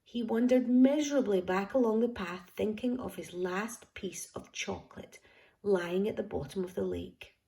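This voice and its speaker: A woman reading a picture book aloud to a child, expressive and affectionate, dropping at times into hushed whispers. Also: medium pitch, moderate pace, gravelly. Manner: affectionate toward listener. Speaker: storyteller.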